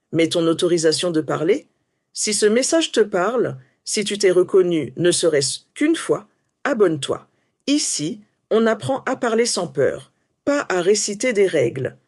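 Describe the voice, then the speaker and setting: Coaching French teacher, lively rising and falling delivery, dry close sound, scripted lesson. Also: medium pitch, no echo. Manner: coaching, full of rhetorical questions.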